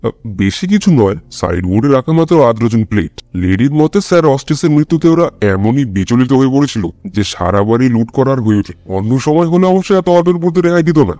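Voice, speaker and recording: A man's voice: mid-range voice, expressive, brisk, dark tone, dry recording, voice pushed up, natural voice. A man voicing an eager, deferential young male police inspector who answers earnestly, in a storybook audio drama.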